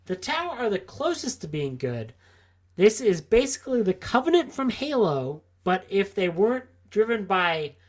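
A tipsy man co-hosting a podcast, rambling through a story with constant filler words. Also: fairly high pitch. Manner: rambling, lots of filler likes. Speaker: podcast co-host.

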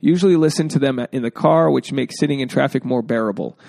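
Gravelly man hosting a casual podcast. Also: mid-range voice, fast talker, darkish tone. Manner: rambling, jokey asides. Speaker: podcast host. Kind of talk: casual advice podcast talk. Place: indoors at home.

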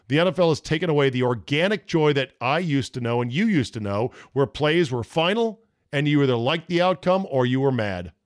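A podcast and sports radio host in his fifties reads listener emails during a laid-back, wandering solo podcast. He speaks fairly quickly in a mid-range voice with lively intonation, recorded in clean studio sound with no room sound.

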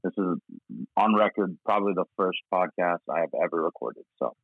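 An American comedian from Portland, Oregon, guests on a podcast and tells anecdotes quickly in a low voice. His casual chat is rambling, slangy and self-deprecating, heard over a tinny line with no echo.

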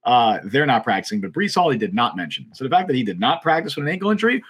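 A man co-hosting a casual sports podcast, talking quickly and animatedly and reading chat comments aloud. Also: mid-range voice, sing-song, a bit bright, breathy edge. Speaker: podcast co-host.

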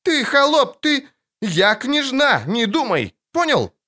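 A spoiled little princess with a shrill, sniffly voice, put on by a man reading the book. She sounds much higher than the narrator, imperious and defiant even when frightened. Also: moderate pace, full character voice.

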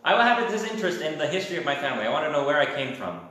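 A man's voice: on the high side, very animated, very fast, sharp tone. Man lecturing in a very echoey room. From America. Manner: asks the class questions, wry asides. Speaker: teacher. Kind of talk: classroom lecture with questions.

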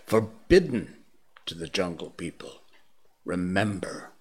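A man's voice: deep voice, big pitch swings, slow, slightly rough, pitched below the performer's own voice, heavily acted. A man voicing a stern old bear who lectures a boy solemnly, in a storybook reading.

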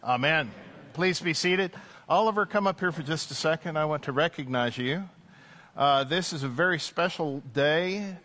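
Priest preaching at a pulpit microphone. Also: male voice, on the high side, normal speed. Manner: conversational preaching, gentle joking, frequent "uh" fillers. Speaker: Anglican priest. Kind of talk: sermon.

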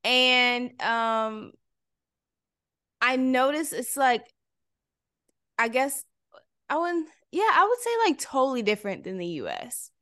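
A woman hosting a podcast, asking questions in a halting casual way with many fillers. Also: high voice, expressive, sharp tone, no echo, studio quality. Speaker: podcast host. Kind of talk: casual interview chat.

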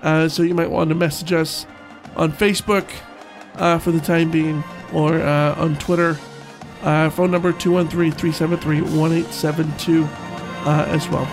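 A man hosting a sports podcast in casual, halting chat, his voice congested and stuffy from being sick. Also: on the high side, level tone, faint music behind.

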